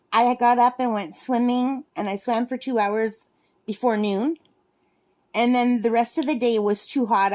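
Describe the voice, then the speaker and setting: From her lakeside cabin, a woman in her fifties vlogs while she crafts, chatting casually in a rambling way and correcting herself as she goes. Her voice sits in the mid-range with a darkish tone.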